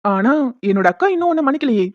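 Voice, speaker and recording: A woman doing a fast, teasing cartoon young man. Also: on the high side, expressive, no room sound, muffled recording, lightly acted. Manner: teasing, amused banter. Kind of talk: animated cartoon voice acting.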